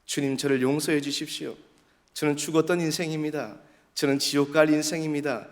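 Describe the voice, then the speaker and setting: A man's voice: fairly high pitch, steady tone, fairly quick, lightly acted. A man voicing a repentant tax collector begging for forgiveness, in a reverberant hall. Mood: pleading. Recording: long church hall reverb.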